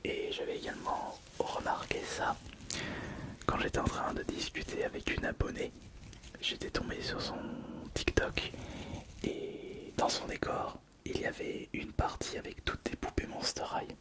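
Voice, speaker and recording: A man whispering an intimate ASMR monologue, very close, as if right in the listener's ear. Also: measured pace. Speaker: ASMR video host.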